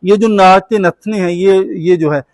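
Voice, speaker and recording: Male teacher, fairly high voice, slow measured delivery, dry close sound, call-and-response questioning. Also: no room sound. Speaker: Quran teacher. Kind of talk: classroom teaching.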